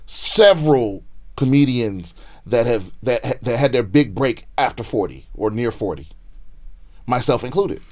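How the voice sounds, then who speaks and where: A man's voice: mid-range voice, unhurried. A man in his thirties hosting a podcast, chatting casually and animatedly, often repeating words as he starts a thought. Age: 30s. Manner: animated, repeats himself when starting sentences. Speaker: podcast host, comedian. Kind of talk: casual chat.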